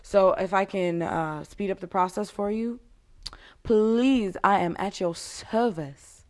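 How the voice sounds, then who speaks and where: A woman's voice: medium pitch, slow. A woman with a mid-range voice talks casually and candidly, as if laying down rules for customers. She is blunt and swears freely, slipping in sarcastic, exasperated asides. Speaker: retail worker giving advice to customers.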